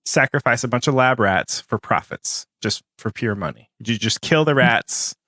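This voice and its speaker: A man co-hosting a podcast in casual conversation, sarcastic and animated. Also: mid-range voice, normal speed, dry recording, clean studio sound. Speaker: podcast co-host.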